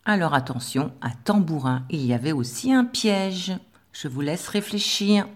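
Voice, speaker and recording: A woman teacher giving a slow, patient dictation lesson to young pupils, spelling out sounds with careful articulation. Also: sits low, lively intonation. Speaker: primary school teacher.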